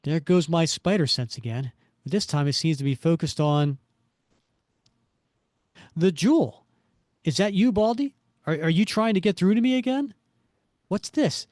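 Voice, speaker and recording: A man's voice: a little high, animated, moderate pace, pauses often, darkish tone, dry recording, studio quality, pitched above the performer's own voice, close to an everyday voice. A man doing Spider-Man, a raised, quippy hero voice. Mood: wisecracking. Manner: quippy, sardonic inner monologue. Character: wisecracking male superhero, young adult.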